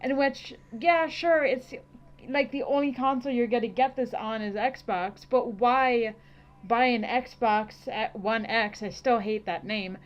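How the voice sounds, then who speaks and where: A woman co-hosting a podcast in casual chat, animated and laughing often. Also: a little high, unhurried. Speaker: podcast co-host. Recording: dull lo-fi recording.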